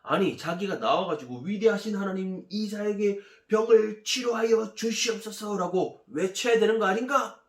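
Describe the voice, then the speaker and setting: A man voicing a proud, angry army general who shouts bossily and indignantly, in an echoey room. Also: very high voice, big pitch swings, normal speed, pitched above the performer's own voice, full character voice.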